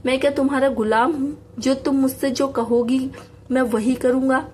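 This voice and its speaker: A woman's voice: high voice, fairly even intonation, moderate pace, darkish tone. A woman voicing an exasperated young man who answers his girlfriend dryly and firmly.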